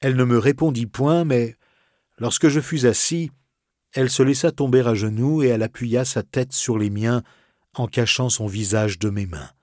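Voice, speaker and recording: Expressive male audiobook narrator. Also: medium pitch, normal speed, dry recording, studio quality. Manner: expressive, soft and dramatic. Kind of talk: literary audiobook reading.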